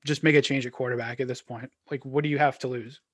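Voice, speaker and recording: A man's voice: medium pitch, fairly even intonation, fast, fairly bright tone, no echo, studio quality. A man co-hosting a casual sports podcast, rambling through game talk with lots of fillers and restarts. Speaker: podcast co-host.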